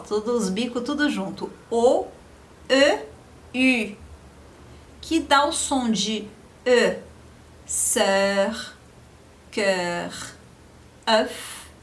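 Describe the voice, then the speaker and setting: A woman teaching a beginner French lesson, slowly repeating each example word for practice. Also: a little high, a bit bright, a little hiss or hum.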